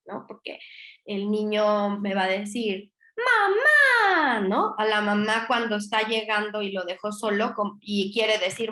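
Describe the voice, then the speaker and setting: A woman with a Mexican accent giving a virtual conference lecture in an explanatory way, often checking in with quick tag questions and fillers. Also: medium pitch, fairly bright tone, echoey room. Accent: Mexican Spanish. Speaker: lecturer on child language development.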